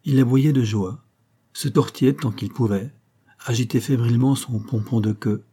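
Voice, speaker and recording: A man reading a novel aloud in a measured, steady storytelling manner. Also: mid-range voice, husky. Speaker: audiobook narrator. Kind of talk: scripted narration.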